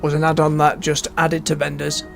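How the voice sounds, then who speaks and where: A man's voice: a little high, monotone, fairly quick, vocal fry. A man giving rambling, understated casual commentary as he plays a game. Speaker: game streamer. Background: game music.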